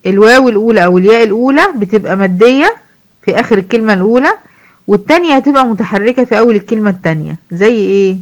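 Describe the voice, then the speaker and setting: A woman with an Egyptian accent teaching tajweed, explaining rules in casual speech and reciting verse examples slowly. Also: mid-range voice, animated. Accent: Egyptian Arabic. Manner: asks students questions and answers them herself.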